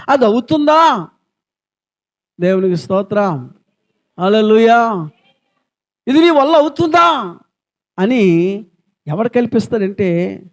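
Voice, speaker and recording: A man with a Telugu accent preaching a sermon as a pastor, firing repeated rhetorical questions and swinging between loud calls and hushed lines. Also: extremely high pitch. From India. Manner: fervent, repetitive rhetorical questions.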